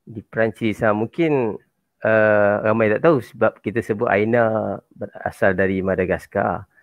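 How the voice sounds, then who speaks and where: Malaysian guy hosting a talk show, lowish voice, careful wording, dry tinny call audio. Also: moderate pace, no echo. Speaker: host. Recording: phone-like, muffled online call audio.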